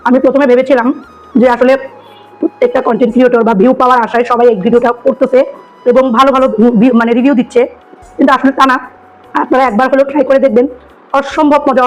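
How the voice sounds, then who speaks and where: A hoarse woman with a cold, chatting enthusiastically as she tastes food for her vlog. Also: high voice, dull audio. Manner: chatty, enthusiastic, repeats herself. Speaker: food vlogger. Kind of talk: casual food-tasting vlog.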